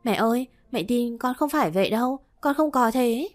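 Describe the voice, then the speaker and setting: A woman's voice: on the high side, animated, moderate pace, voice pushed up, lightly acted. A woman voicing a tearful, two-faced young woman who pleads and denies, read in a storybook manner with light music behind. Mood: pleading. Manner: pleading and defensive.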